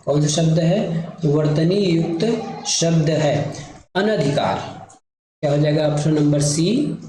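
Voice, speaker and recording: Male teacher, mellow voice, booming room echo, walks through spelling at the board. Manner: repetitive, checks in with listeners, writes while talking. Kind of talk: spelling lesson explained at a board. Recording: very echoey room with faint noise.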